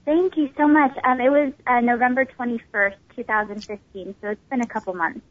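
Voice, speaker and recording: A pageant winner in her twenties answers phone interview questions politely, saying "um" often in a small, tiny voice. Her pitch is on the high side, her tone steady and her pace fairly quick. The recording is dry, over a tinny phone line.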